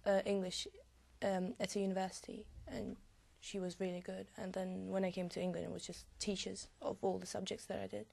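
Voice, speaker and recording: Young woman, doing a speaking test, casual and fluent, a bit gravelly. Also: mid-range voice, level tone, brisk, few pauses, a little mellow. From Latvia. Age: young adult. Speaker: exam candidate. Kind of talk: speaking exam answers.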